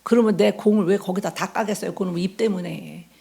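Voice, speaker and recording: Very gravelly, husky woman pastor preaching. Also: medium pitch, brisk. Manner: animated storytelling, acting out inner thoughts, dropping to whispers. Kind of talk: sermon.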